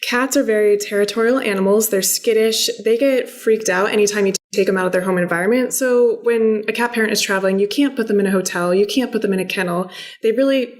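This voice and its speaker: Upbeat Californian woman founder. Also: fast talker. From San Diego, California. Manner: upbeat, fluent pitch-like delivery. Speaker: startup founder guest. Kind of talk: interview answers.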